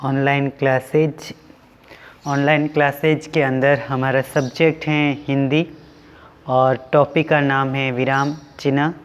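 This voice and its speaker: A man teaching an online class to young pupils, going slowly and repeating each question with its answer. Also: medium pitch, little pitch movement, clear, resonant tone, big-room sound. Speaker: school teacher.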